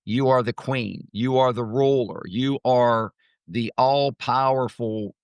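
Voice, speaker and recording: Speaking slowly and clearly with a steady, resonant mid-range voice, a man gives a spontaneous motivational lesson as coach and host. He stresses ideas by repeating phrases emphatically, and the recording has no room sound.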